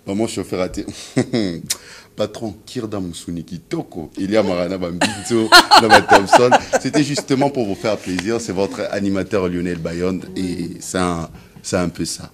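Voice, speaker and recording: A man's voice: low voice, moderate pace, a little mellow. A man with a Congolese French accent, a comedian telling a comic story, theatrical and repeating his catchphrase to the audience. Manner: theatrical, keeps repeating "mesdames et messieurs". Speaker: comedian, cultural host.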